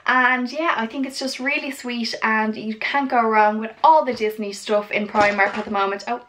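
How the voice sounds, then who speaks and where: A woman's voice: a little high, fairly even intonation, normal speed, fairly bright tone, slight background noise. A young woman chatting to viewers in a chirpy haul video style, with gushing, girly enthusiasm. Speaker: vlogger presenting a shopping haul.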